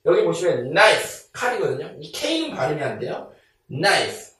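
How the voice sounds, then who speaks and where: Lively teacher in a very echoey room. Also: male voice, fairly high pitch. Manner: patient, repeats drill words slowly with rising prompts. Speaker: English teacher. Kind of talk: beginner English lesson. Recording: echoey room, distant mic.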